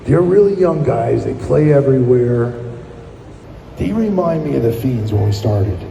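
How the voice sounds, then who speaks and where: On a live radio broadcast at a public plaza, a middle-aged American musician guest tells rambling, enthusiastic stories in casual conversation. His voice is medium-pitched, gravelly and dark, animated but at a measured pace. Music plays behind him in an echoey, hall-like space with slight background noise.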